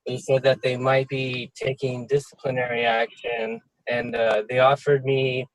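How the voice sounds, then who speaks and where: Hesitant male pharmacy tech calling in from his car, even and flat delivery. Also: medium pitch, no echo, rough recording. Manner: hesitant, with many fillers. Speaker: pharmacy technician before a licensing board. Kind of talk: remote hearing testimony.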